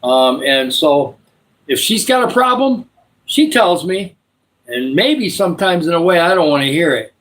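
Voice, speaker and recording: A man in his sixties hosts a live stream, rambling casually with viewers and praying for them. His voice sits on the high side and a bit bright, with lively intonation and a measured pace.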